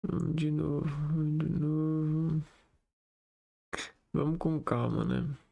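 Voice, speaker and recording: A man working through exam exercises aloud, slowly reading out words one by one and thinking aloud. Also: fairly high pitch, little pitch movement, vocal fry, mellow. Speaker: exam tutor.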